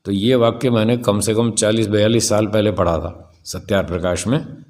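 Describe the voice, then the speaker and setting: An older man delivers a spiritual discourse in a lowish voice. He talks emphatically and rhetorically, drawing out key phrases slowly for weight. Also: fairly even intonation, darkish tone. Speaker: spiritual teacher. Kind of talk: spiritual discourse answering questions.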